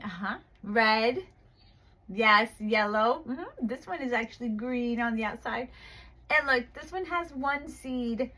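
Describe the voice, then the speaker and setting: High, bright-voiced woman teaching a child. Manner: slow, exaggerated and cheerful with the child, calm aside to viewers. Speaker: online English teacher. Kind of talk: live online class for a young child. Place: home room at night.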